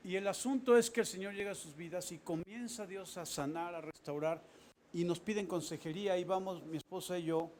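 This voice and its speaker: A man, a pastor, giving a sermon with animated storytelling and casual asides to the congregation. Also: high voice, brisk, slight background noise.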